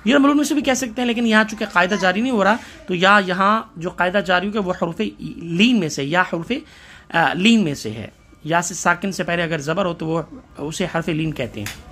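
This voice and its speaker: A man's voice: high voice, sharp tone. Patient male tajweed teacher, self-correcting. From Pakistan. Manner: patient, explains each letter rule step by step, corrects himself. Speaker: Quran recitation teacher. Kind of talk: tajweed lesson with recitation.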